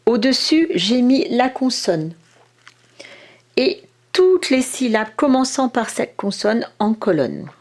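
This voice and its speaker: Slow, lively-voiced teacher woman. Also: medium pitch. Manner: slow, deliberate, stretching out syllables and sounds. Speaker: kindergarten teacher. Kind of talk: instructional video for parents.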